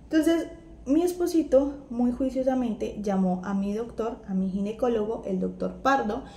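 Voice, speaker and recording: Speaking at normal speed with a somewhat high voice, a young Colombian-accented woman vlogs a personal anecdote, voicing others' lines in a lively, chatty way. Slight background noise and faint ambience fill the echoey room.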